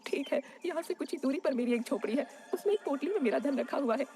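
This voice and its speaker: A woman's voice: sits high, animated, quick pace, dark tone, pitched above the performer's own voice. A woman voicing a frail old village woman who is dying and weeping, in a cartoon story. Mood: sad, pleading. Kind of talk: cartoon dubbing.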